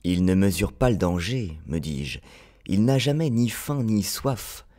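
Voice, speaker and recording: A man narrating an audiobook in an expressive storytelling manner. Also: lowish voice, unhurried. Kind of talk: audiobook reading.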